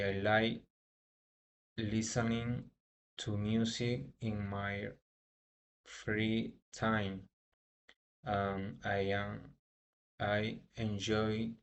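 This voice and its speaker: Very slow, halting Peruvian man. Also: lowish voice. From Peru. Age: 30s. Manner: halting, restarts cut-off words. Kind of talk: read self-introduction for an English class.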